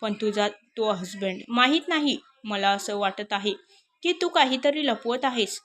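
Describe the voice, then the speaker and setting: A woman's voice: mid-range voice, expressive, unhurried, a bit bright, slight background noise. A woman voicing a teasing young male boss. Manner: playful, pushy, chatty. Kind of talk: storybook narration.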